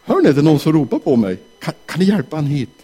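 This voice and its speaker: Man voicing a calm, gentle Jesus. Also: a little high, breathy edge, long reverb tail, voice pushed down. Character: calm kind male teacher, Jesus.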